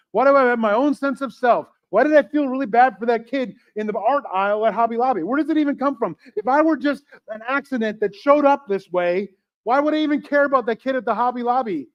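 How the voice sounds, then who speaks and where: Male pastor, high-pitched, joking with the congregation mid-sermon; dull, lo-fi church livestream sound. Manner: joking, conversational, asks questions to the congregation.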